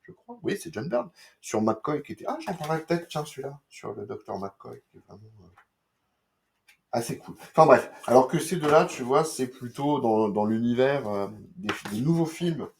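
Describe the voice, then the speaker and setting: A man's voice: medium pitch, animated, normal speed, vocal fry, slight background noise. A man with a French accent, reviewing comics in a casual, hesitant way, full of fillers and restarts.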